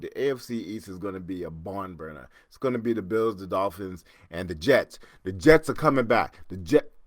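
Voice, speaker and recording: A man in his fifties hosting a casual solo podcast, rambling and chatty, with asides and quick laughs. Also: on the low side, dry recording, clean studio sound. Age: 50s. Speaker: podcast host.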